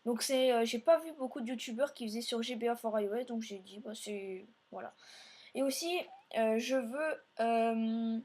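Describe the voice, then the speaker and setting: A woman's voice: fairly high pitch, moderate pace, a little mellow. A woman hosting a let's play, narrating her gameplay in a meandering way and talking straight to her viewers. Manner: meandering, filler-heavy narration while playing; speaks directly to viewers.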